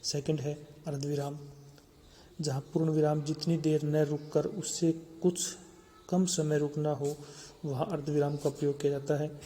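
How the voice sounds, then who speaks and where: A man's voice: on the high side, little pitch movement, unhurried, warm tone. A man teaching a grammar lesson for exam preparation, listing terms steadily and repeating key words.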